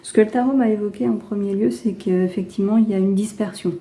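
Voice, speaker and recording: A French woman giving a casual tarot reading, chatty and gentle, with many fillers and restarts. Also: medium pitch, fairly even intonation, fast talker. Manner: gentle, reassuring advice. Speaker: tarot card reader.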